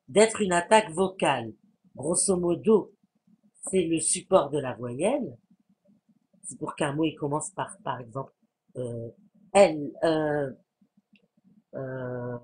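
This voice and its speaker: A man giving a language lesson, patiently explaining and repeating sounds and words to demonstrate them, with some hesitant pauses. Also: a little high, slight background noise. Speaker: Arabic language teacher.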